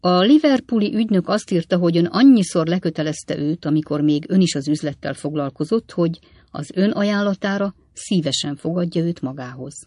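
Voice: mid-range voice, darkish tone, no room sound, clean studio sound, close to an everyday voice. Lauten, a reader doing a flippant young clerk. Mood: mocking. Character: cynical young male law clerk, flippant.

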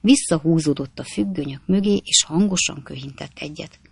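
Male audiobook narrator, gravelly, unhurried literary reading. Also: a little high, dry recording. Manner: measured literary storytelling. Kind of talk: scripted narration.

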